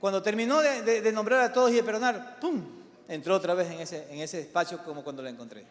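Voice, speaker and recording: A middle-aged man, a pastor, preaching a sermon to his congregation, with emphatic exhortation and softer spoken storytelling. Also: high-pitched, fast. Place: large church hall. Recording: live church hall with long reverb.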